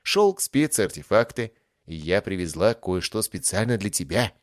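A man's voice: on the low side, sing-song, normal speed, no echo, studio quality. A man voicing a haughty, teasing young noblewoman from a distant empire, in a sly, mocking lilt. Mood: playful. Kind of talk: audiobook character voice.

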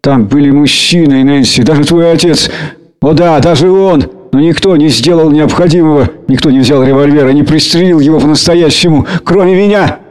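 A man voicing a grim, stern middle-aged mother who speaks slowly and heavily, giving orders. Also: fairly high pitch, darkish tone, close to an everyday voice. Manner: slow, heavy, commanding.

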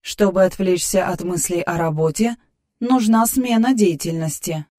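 A man's voice: high-pitched, normal speed, darkish tone, voice pushed up, natural voice. A man voicing a sarcastic female AI who lives in a man's head, speaking in a raised, cool voice in an audiobook. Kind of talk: audiobook character voice.

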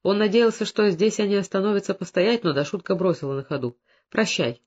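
A narrator reads a novel aloud in a steady, even storytelling manner. The recording is dull and lo-fi, with a medium-pitched voice. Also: fast talker. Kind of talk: scripted audiobook narration.

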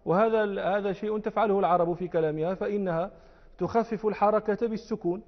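High-voiced man teaching in an echoing hall. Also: fairly even intonation. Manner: explanatory, repeats words slowly for emphasis. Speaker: religious teacher. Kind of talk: classical text lesson. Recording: muffled audio with long hall echo.

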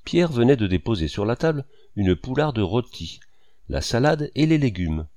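A man narrating a literary novel in an expressive storytelling manner. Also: mid-range voice, normal speed, dry recording. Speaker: audiobook narrator.

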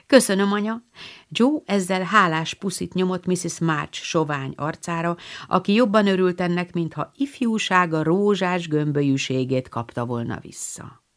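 Brief: woman audiobook narrator, measured and expressive, slightly low voice. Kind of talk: scripted narration.

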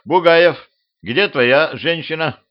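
A man voicing a heavyset male hypnotist who gives orders loudly. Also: on the high side, takes it slowly, pitched above the performer's own voice. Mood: commanding. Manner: loud and commanding. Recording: dull lo-fi home recording.

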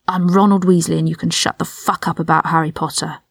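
A woman's voice: low voice, level tone, brisk, vocal fry, no room sound. A woman doing a defiant young Ron Weasley. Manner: blunt, bristling. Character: defiant young male prisoner, hot-tempered.

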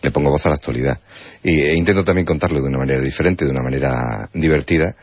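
A man's voice: very deep voice, fast talker. A man, a guest poet, talking reflectively in a radio interview, often tagging his points with a questioning "no?". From Spain. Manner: reflective, wordplay-loving, frequent rhetorical "¿no?". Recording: dull radio broadcast sound.

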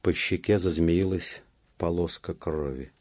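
A man reading literary prose for an audiobook in a measured, dramatic way. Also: deep voice, darkish tone, no room sound. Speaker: audiobook reader. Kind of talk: scripted literary narration.

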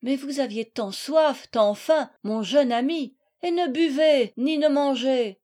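A woman's voice: sits high, slow, mellow, voice pushed up. A woman voicing a bold, jovial male knight who teases his guest with mock gallantry, in an audiobook reading.

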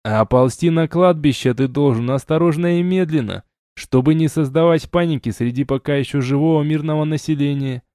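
A curt, commanding male drill instructor, read by a male audiobook narrator in a dark, mellow voice. He barks his corrections to a cadet. The recording is dry and close. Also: a little high, a little fast, no echo, natural voice. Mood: stern.

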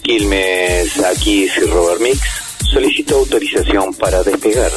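A man voicing an airline pilot who radios the control tower, distant as if over the cockpit radio, in slow, formal radio phrasing. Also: low voice, fairly even intonation, pitched below the performer's own voice. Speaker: radio host. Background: loud electronic dance music.

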